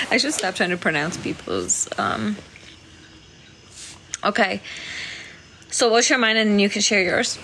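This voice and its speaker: A woman from Poland runs a casual livestream where she reads comments, chats with her audience, thanks them and laughs frequently. Her mid-range voice has a fairly bright tone, with a little hiss or hum in the background.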